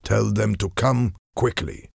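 Storybook villain agent, curt and commanding, low gravelly voice, read by a male narrator. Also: slow pace, a little mellow, dry recording, studio quality, heavily acted. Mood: curt, scheming. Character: scheming, ruthless male French agent.

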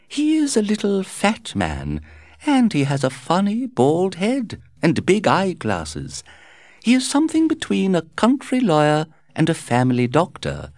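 A man's voice: high-pitched, wildly swooping pitch, measured pace, darkish tone, no echo, clean studio sound, pitched above the performer's own voice, heavily acted. A man voicing a flamboyant, gossiping society hostess in a theatrical, gushing way.

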